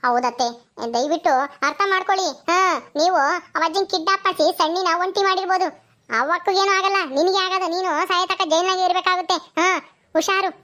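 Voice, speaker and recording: A woman's voice: very high voice, a little fast, bright, forceful tone. A woman voicing a sly, scheming daughter-in-law who sweet-talks and accuses in a cartoon comedy.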